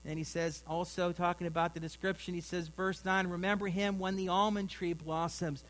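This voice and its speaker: A man's voice: sits high, little pitch movement, normal speed, a bit bright, poor audio. A middle-aged man preaching a sermon in a folksy, rambling way, with asides to his congregation. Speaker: pastor.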